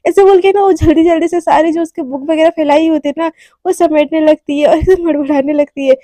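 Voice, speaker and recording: A woman's voice: sits high, steady tone, brisk, mellow, dry recording. A young woman telling a story in a chatty, informal way with many asides. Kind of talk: casual storytelling.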